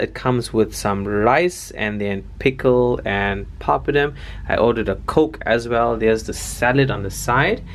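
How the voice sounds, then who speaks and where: A man's voice: mid-range voice, slight background noise. Chatty man. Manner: chatty, informal, addressing viewers as guys. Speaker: vlogger, airline cabin supervisor. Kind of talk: casual vlog chat to camera.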